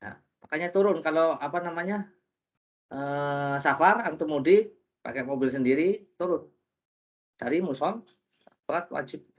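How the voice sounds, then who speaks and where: A man teaching a religious class, lively and joking, often putting questions to his listeners. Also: on the high side, normal speed, pauses often. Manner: lively, jokey, asks the audience questions. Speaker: preacher. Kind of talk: interactive religious lesson. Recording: dull lo-fi recording.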